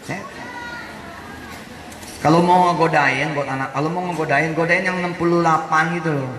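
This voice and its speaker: A man's voice: a little high, steady tone, normal speed. A man in his forties giving a joking, casual sermon and acting out little quoted voices. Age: 40s. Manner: jokey, acts out short quoted voices. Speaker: preacher. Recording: roomy hall reverb, faint background noise.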